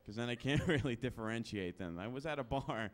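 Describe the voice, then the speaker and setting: A young male comedian telling quick, self-mocking stories on a club stage. His voice bounces up and down with lively inflection. He talks into a handheld mic. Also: mid-range voice. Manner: quick, chatty, self-deprecating, jumping into voices. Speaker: stand-up comedian. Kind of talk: stand-up comedy set.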